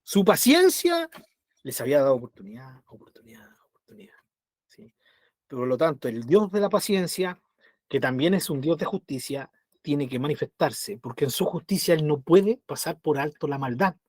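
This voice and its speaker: A man's voice: a little high, moderate pace, no echo, clean studio sound. A man with a Chilean accent teaching a Bible study in a conversational way, often checking in with his listeners and acting out little voices. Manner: animated, acts out voices.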